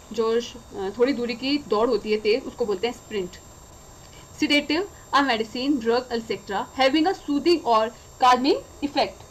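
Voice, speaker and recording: An Indian woman teaching English vocabulary, reading definitions slowly and explaining them in Hindi. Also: high voice, poor audio. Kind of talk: vocabulary lesson.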